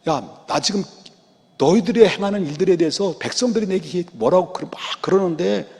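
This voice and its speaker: Man doing a mild old priest father, soft and coaxing, a little high, lively lilt, church-hall echo. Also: fairly quick, breathy edge, exaggerated voice. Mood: gentle pleading.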